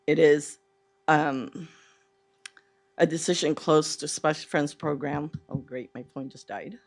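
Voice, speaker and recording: A nervous woman giving public comment, speaking earnestly and haltingly with a mouth half numb from the dentist. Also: low voice, creaky. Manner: halting, earnest, with pauses mid-phrase. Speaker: public speaker at a school board meeting.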